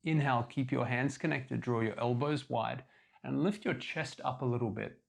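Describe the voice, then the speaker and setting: A man leading a guided yoga class as instructor, giving calm, measured step-by-step cues. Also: mid-range voice, vocal fry.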